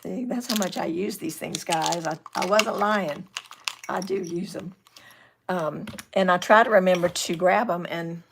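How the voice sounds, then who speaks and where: Gravelly older woman chatting while crafting. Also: on the low side, a little slow, noisy background. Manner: chatty, reads and answers viewer comments. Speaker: craft channel host. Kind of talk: casual live craft demonstration.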